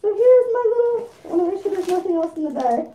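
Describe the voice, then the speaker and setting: A woman vlogger chatting excitedly while unboxing gifts, talking through a costume head. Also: extremely high pitch, quick pace. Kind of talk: casual unboxing chat.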